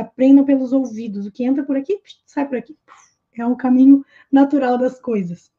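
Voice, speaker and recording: A woman teaching a live online language lesson, drilling pronunciation slowly and deliberately. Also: on the high side, dark tone, muffled recording. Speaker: English teacher.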